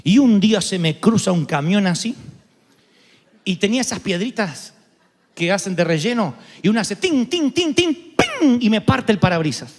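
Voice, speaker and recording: An Argentine pastor with a high-pitched voice delivers a Spanish sermon at normal speed, full of theatrical energy. He mixes stories and humor with sudden shouts, and his voice carries a long reverb like a large church hall.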